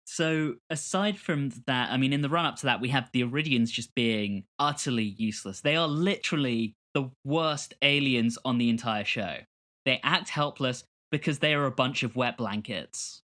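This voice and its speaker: Podcast co-host, male, mid-pitch, animated and chatty. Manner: animated ranting, quick laughs. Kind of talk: casual chat.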